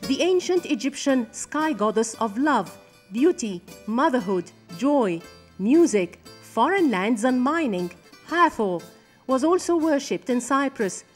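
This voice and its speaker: Woman narrator, documentary script, steady formal read, higher voice, faint music under. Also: measured pace.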